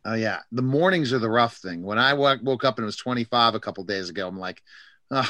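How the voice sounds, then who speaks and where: A man's voice: mid-range voice, animated, fast, pushed and bright, dry recording, clean studio sound. A man hosting a radio interview show in a conversational, chatty style.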